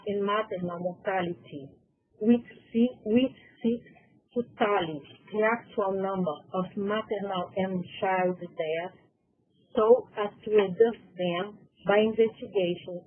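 A Brazilian woman with a Portuguese accent carefully reads a prepared conference presentation in English, occasionally correcting herself. Her voice is husky and medium-pitched, and the audio sounds tinny, like a phone line.

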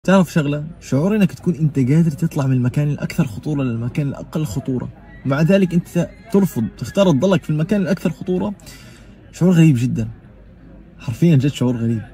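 With a slightly high, dark-toned voice, a young adult vlogger from Gaza rattles through a personal monologue in a Gazan Arabic accent. He's emphatic and quick, peppering his casual talk with frequent oaths.

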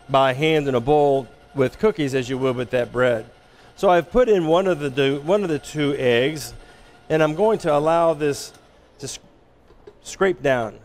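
A man working as a chef instructor, giving a relaxed, explanatory cooking demonstration in an instructional kitchen. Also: mid-range voice. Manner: relaxed, explanatory, with frequent restarts.

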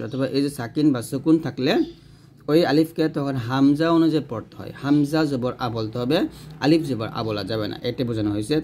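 A man with a mid-pitched voice teaches Quran recitation in a patient, explaining tone. He slows right down to demonstrate each letter sound, stretching the syllables out before moving on. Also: darkish tone. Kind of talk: step-by-step pronunciation lesson.

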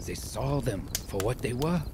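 In a reverent radio drama style, a male actor plays an earnest French husband who is a musician and a devout new believer. His mid-range, natural voice is expressive at normal speed, with a joyful, humble mood. Background noise is present.

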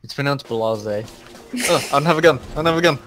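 A man's voice: fairly high pitch, racing. A young man chatting and teasing his friends while playing a co-op game. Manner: teasing, laughing, animated. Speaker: co-op gamer. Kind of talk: casual gaming chat. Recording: game music behind the voice.

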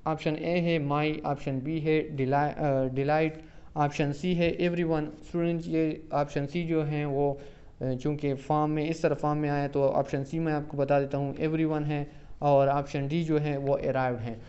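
Male exam-prep lecturer, slightly higher voice, reads questions slowly, dull lo-fi recording. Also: warm tone. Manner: slow, deliberate reading of English options, quicker Hindi-Urdu explanations; addresses listeners as "student" often. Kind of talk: reading out and explaining exam questions.

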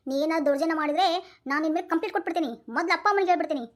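A woman's voice: very high voice, very fast. A woman acting out a whiny, henpecked young husband in a comedy sketch, pleading and repeating himself. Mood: sulky.

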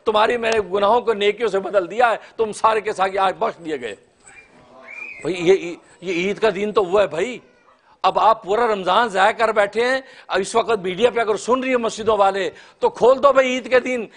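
Impassioned high-voiced man preaching. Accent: Urdu. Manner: impassioned, sweeping hand gestures, rising to near-shouts when quoting. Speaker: mufti, religious speaker. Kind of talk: sermon-style address. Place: small indoor studio room.

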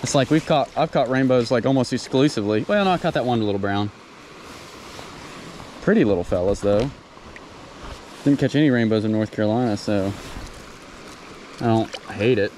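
A man's voice: mid-range voice, a little hiss or hum, low-quality recording. A young man chatting and joking with a friend while fly fishing outdoors by a stream. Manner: joking, excitable, banters with his friend. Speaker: angler filming his fishing trip. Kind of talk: casual chat while fishing. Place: outdoors by a forest mountain stream. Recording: outdoor camera audio with rushing water.

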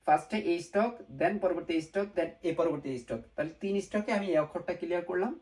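A man's voice: high-pitched, racing, darkish tone, rough recording. A man teaching a beginner language lesson, narrating his writing stroke by stroke and often asking and answering his own questions. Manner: mixes English words into Bengali.

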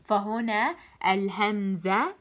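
A woman teacher giving a children's phonics lesson, drawing out letter sounds and repeating them for drilling, with warm praise. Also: mid-range voice, slow pace. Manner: praising, encouraging.

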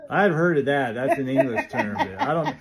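A man's voice: fairly high pitch, wildly swooping pitch, moderate pace, noisy background. An American man from the Pacific Northwest chatting in a casual home vlog, playfully quizzing and laughing easily. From Pacific Northwest, USA. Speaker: vlogger's husband.

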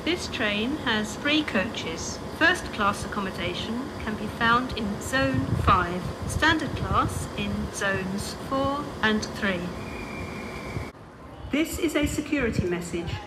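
Slow woman's train station PA announcement. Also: medium pitch, lively intonation, heavy background noise. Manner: slow, measured, evenly spaced words. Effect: train station public address announcement over loudspeakers. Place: railway station platform.

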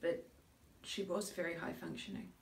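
Dramatic monologue: actress as bewildered grieving mother, middle-aged, searching soliloquy, creaky voice, long gaps, distant roomy recording. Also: lowish voice, fairly even intonation, a little hiss or hum. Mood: subdued, searching. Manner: searching soliloquy, halting with long pauses, groping for words. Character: grieving mother recalling her daughter's decline, subdued and bewildered. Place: indoor room before a curtain, recorded from a few feet. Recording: roomy echo, distant microphone.

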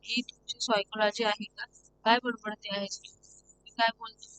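A woman voicing a hot-tempered young husband who scolds and fires off questions, over a steady hum. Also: medium pitch, moderate pace, close to an everyday voice. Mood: angry.

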